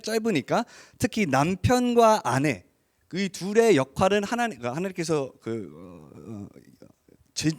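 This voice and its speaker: A male preacher with a fairly high voice that moves animatedly up and down. He explains things informally and drops in English words as he preaches. The sound is dry and close. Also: dry recording. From Korean raised abroad. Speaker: preacher, associate pastor of an English-language congregation. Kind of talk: sermon.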